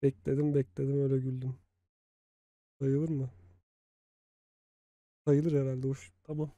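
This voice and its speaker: A man's voice: mid-range voice, flat delivery, unhurried, mellow, dry recording. A man in his thirties reacting casually to videos on a livestream, talking informally to his viewers. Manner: conversational, addresses viewers informally. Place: small room at home, indoors. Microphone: desk microphone on boom arm.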